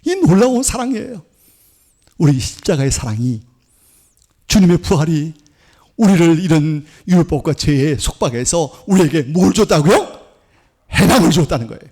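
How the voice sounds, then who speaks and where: A man's voice: on the high side, big pitch swings, moderate pace, long pauses, dark tone, breathy edge. A male pastor preaching a Sunday sermon in church, often turning to the congregation with questions and answering them himself. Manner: acts out accusing voices of law and sin. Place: church sanctuary.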